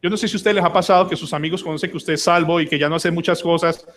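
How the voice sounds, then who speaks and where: High-voiced pastor preaching. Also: male voice, steady tone, rapid-fire, fairly bright tone. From Colombia. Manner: emphatic preaching that acts out prayers and quoted voices. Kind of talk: sermon. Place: church service.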